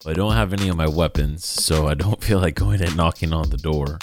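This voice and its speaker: A man's voice: a bass voice, fairly quick, music in the background. A man playing a tabletop game, laughing, swearing and joking as he describes what his character does. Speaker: player. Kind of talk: casual tabletop play.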